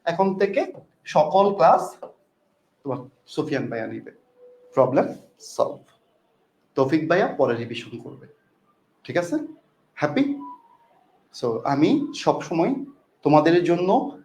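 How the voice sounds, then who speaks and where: Male tutor, high voice, repeats and coaxes students, roomy echo. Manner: repetitive, coaxing teacher talk. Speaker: English tutor. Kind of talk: online class lecture.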